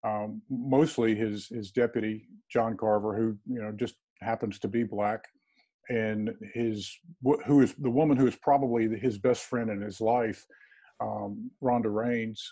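A man in his fifties speaks over a video call through earbud headphones from a small room at home. His voice sits low and mellow with a slightly husky edge. He talks thoughtfully, pausing often and restarting his sentences. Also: fairly even intonation. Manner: thoughtful, halting, many ums and restarts. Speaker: crime fiction author, guest. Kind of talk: casual interview conversation. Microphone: earbud headset on a video call.

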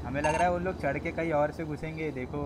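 A man's voice: on the high side, fairly even intonation, a loud crowd. A man streaming a gangster roleplay, barking repeated orders at a hostage and his crew. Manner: commanding, repeats orders rapidly.

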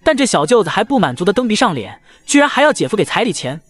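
A man's voice: high-pitched, very animated, fast. A man narrating a recap of a short drama, full of mocking quips and jokes. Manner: mocking, quipping asides. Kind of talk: joking recap narration over clips.

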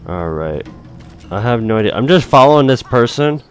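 A man's voice: mid-range voice, big pitch swings, normal speed, faint music behind. A man giving casual gameplay commentary, thinking aloud informally as he plays. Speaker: gaming video host.

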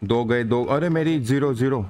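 Male stream host mid-match, urgent team callouts, medium pitch, light game noise behind. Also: moderate pace, a little mellow. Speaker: gaming livestream host. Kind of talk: casual gaming chat and callouts.

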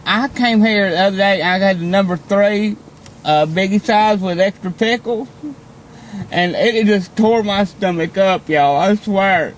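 A man's voice: high-pitched, measured pace. A man voicing a crude, whiny Southern woman in a prank complaint, folksy and rambling, recorded inside a car. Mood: whiny complaining. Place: inside a car at a drive-thru window. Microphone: camera in the car.

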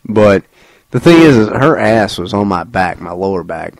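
A man's voice: fairly low pitch, lively intonation, moderate pace, darkish tone, dry recording. A young man co-hosting a casual radio show, rambling through crude stories with profanity and laughs. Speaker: co-host.

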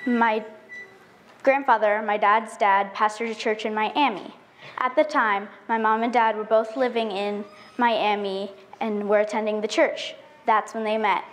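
A woman's voice: medium pitch, fairly even intonation, a little slow, a little hiss or hum. A teenage girl from the United States giving a prepared speech on an auditorium stage, reciting carefully and earnestly. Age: teen. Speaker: student speaker.

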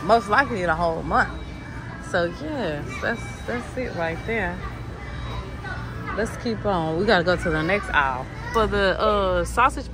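A woman chats casually to her viewers while she walks a supermarket with a handheld phone. She talks to the camera in a relaxed, running commentary as she shops. Store music plays clearly behind her. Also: medium pitch. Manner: chatty, addresses viewers as y'all. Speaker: vlogger. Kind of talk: casual grocery vlog narration. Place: supermarket aisles. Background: store background music.

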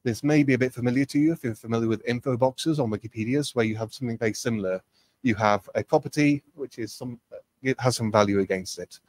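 A man's voice: medium pitch, quick pace, a little mellow, dry recording. A man presenting a technical training webinar, explaining conversationally with frequent ums and uhs.

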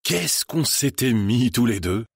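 A man's voice: medium pitch, animated, slow pace, gravelly, husky, dry recording, studio quality, voice pushed up, exaggerated voice. A man voicing a nostalgic older guest reminiscing with an old friend in an audiobook. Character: nostalgic older former student at a reception.

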